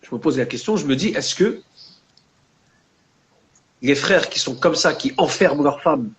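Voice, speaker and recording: Youngish guy w french maghrebi street accent, slightly high voice, chatting casually w slang n arabic words. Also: expressive, unhurried, slight background noise, poor audio. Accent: French Maghrebi urban. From France, of Maghrebi family. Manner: street slang mixed with Arabic religious terms, frequent "tu vois". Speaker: guest, book author. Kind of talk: casual discussion.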